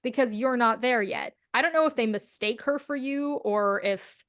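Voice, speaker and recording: A young adult woman co-hosting a podcast, telling a story in casual chat and acting out the quotes with lively swearing. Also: on the high side, normal speed, dry recording, studio quality. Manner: animated, acts out quotes, swears freely. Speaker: podcast co-host.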